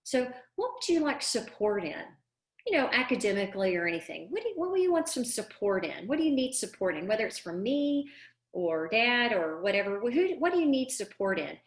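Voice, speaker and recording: A woman's voice: medium pitch, big pitch swings, a little fast. Earnest middle-aged woman coach, echoey room. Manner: earnest and emphatic, repeats words for stress. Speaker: parenting coach. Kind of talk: live online Q&A class.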